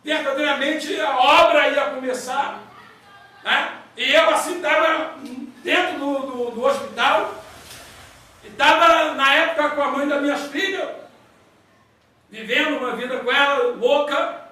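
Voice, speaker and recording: Pastor, homem, sotaque brasileiro, voz muito aguda, pregação fervorosa, salão de igreja com muito eco. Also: male voice, very high-pitched, a little slow. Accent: Brazilian. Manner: loud, fervent preaching with folksy stories. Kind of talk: loud evangelical sermon. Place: church hall. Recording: echoey church hall, mic far off.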